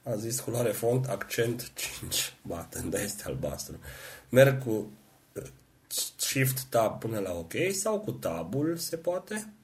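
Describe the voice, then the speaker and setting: A man's voice: lowish voice, very animated, a little mellow. A middle-aged man patiently teaching a computer lesson, explaining each keystroke step by step. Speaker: computer skills instructor.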